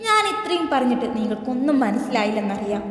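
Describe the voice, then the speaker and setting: A woman voicing a gentle, tender middle-aged mother who speaks to her grown children in a soothing way. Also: a little high, animated, fast, close to an everyday voice. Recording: echoey reverb with soft music.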